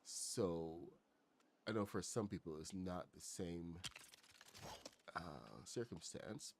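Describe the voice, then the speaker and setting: Over a noisy background, a middle-aged man from Barbados talks slowly in a low voice while playing a building game on a livestream. His chatter is rambling and packed with fillers, and he gives loud greetings to the chat.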